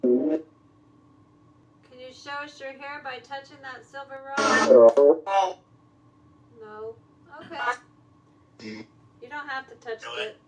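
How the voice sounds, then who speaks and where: High-voiced American woman coaxing spirits. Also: sing-song, takes it slowly, pauses often, low-quality recording. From Colorado, United States. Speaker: paranormal investigator vlogger. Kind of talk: casual ghost-hunt vlog, addressing spirits. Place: indoors in an old mansion. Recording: loud tinkling music-box tune behind. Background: music box playing.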